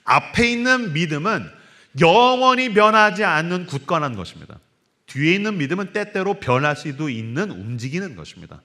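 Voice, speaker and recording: A middle-aged man preaching a sermon as a pastor, telling stories in an animated way and putting on voices. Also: fairly high pitch, brisk. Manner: animated storytelling with acted voices. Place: church sanctuary.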